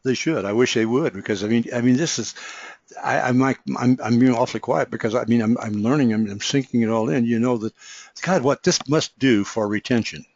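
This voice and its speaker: Male host, mid pitch, hesitant, effusive, dry dull recording. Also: brisk, darkish tone, no echo. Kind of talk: podcast interview.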